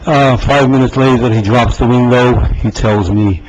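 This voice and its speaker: Halting man from the Soviet Union. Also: medium pitch, fairly even intonation, darkish tone. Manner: halting and earnest, with many fillers and restarts. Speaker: resident making a public comment. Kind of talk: public comment at a town council meeting. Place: town council meeting room. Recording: dull lo-fi meeting recording with faint hiss.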